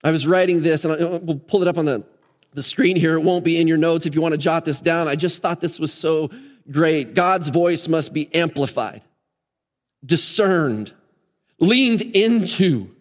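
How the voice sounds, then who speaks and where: A man's voice: fairly high pitch, fairly even intonation, fairly quick, a little mellow. Earnest male pastor preaching in a reverberant hall. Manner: earnest, conversational preaching with frequent restarts. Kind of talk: sermon.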